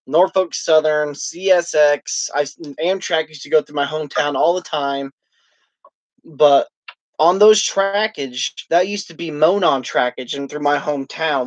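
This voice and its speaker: A man's voice: fairly high pitch, no room sound, dull audio. A man from northwestern Indiana, hosting a casual video call and rambling about railroads with enthusiasm. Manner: enthusiastic, rambling railfan detail.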